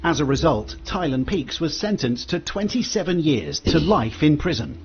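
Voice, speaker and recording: Guy doing true crime narration, pretty high and bouncy pitch, bit muffled w faint hiss. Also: moderate pace. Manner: steady, factual. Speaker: documentary narrator.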